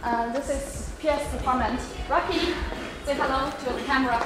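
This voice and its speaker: A woman guiding a visitor through an open-plan office, briskly introducing her colleagues. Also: high-pitched, steady tone. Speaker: company guide. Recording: roomy office sound, clear background noise.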